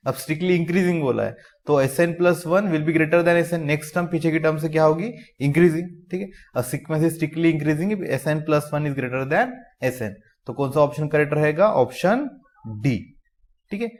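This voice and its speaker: A man's voice: fairly high pitch, a little mellow. Man teaching maths with rhetorical questions. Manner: asks the class rhetorical questions, says "theek hai" often; reads English definitions out slowly. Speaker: math lecturer. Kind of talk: explaining maths in Hindi mixed with English.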